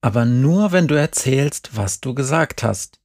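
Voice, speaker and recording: A calm, fair-minded mother in a storybook, voiced by a man reading aloud. She reasons gently and steadily, in a slightly gravelly, close, dry voice. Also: medium pitch, a little slow, no echo. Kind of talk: scripted narration.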